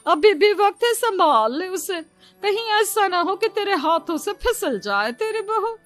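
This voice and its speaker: A woman's voice: very high voice, sing-song, unhurried, fairly bright tone, faint music behind, heavily acted. A woman playing a meddling, judgmental middle-aged neighbour in a cartoon moral story. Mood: disapproving.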